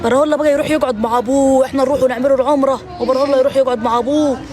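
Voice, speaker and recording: Rapid-fire young woman streaming outdoors. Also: sits high, fairly even intonation, darkish tone. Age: 20s. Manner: playful, dramatic mock laments. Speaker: live-stream host. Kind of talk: casual live-stream chat. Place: outdoors in a garden with people and traffic around. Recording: outdoor recording with crowd chatter.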